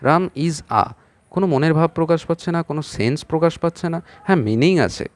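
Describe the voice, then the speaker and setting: A man's voice: fairly high pitch, quick pace, no room sound. A man with a West Bengal Bengali accent teaching an English lesson in Bengali. He spells words out letter by letter, explains patiently and puts questions to the class. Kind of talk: exam-prep English lesson taught in Bengali.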